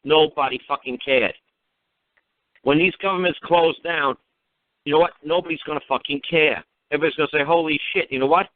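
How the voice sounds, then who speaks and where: Heard over a narrow-band internet radio call with no echo, a man pitched on the high side talks fairly quickly and with fairly even intonation. He's a talk show speaker giving a caller informal advice, ranting bluntly, swearing freely, and peppering him with mocking rhetorical questions.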